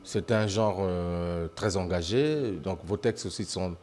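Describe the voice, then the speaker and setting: A man's voice: sits low, slow, darkish tone. A man hosting a TV interview, formal and full of hesitant fillers, often addressing the audience. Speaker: TV host. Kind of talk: studio interview.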